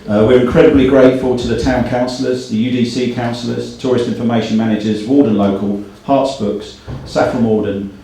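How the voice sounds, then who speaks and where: A middle-aged host and company director speaks fairly quickly with few pauses, his mid-range voice mellow and steady. He's giving a thank-you speech and listing names in a hall. The sound is very echoey, as he's far from the mic.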